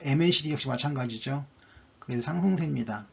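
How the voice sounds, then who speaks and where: A man's voice: mid-range voice, quick pace, vocal fry, a little hiss or hum. A man narrating a stock chart analysis, going methodically through each indicator one by one, on a dull lo-fi recording.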